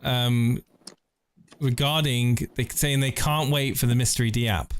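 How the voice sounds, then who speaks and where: A man's voice: mid-range voice, steady tone, a little slow, clear, resonant tone. A laid-back man co-hosting a casual live audio chat, talking in slangy speech and reading out audience questions.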